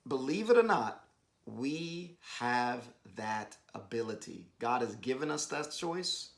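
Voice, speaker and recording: A man giving a devotional talk with his wife, exhorting and emphatic, rising to bursts of excitement, speaking over a video call. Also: mid-range voice, slow, gravelly. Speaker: husband co-hosting a devotional. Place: home, joining an online meeting.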